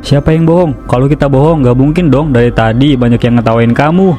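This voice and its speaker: A man's voice: medium pitch, fast, dark tone, soft background music, natural voice. A man voicing a mocking, teasing man in a cartoon.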